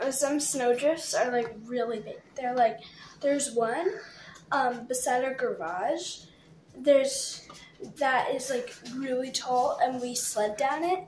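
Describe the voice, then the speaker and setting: Hesitant high-pitched young woman, outdoor clip, echoey, a little noisy. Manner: slow, hesitant, full of "like". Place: outdoors in the snow. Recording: echoey with faint noise.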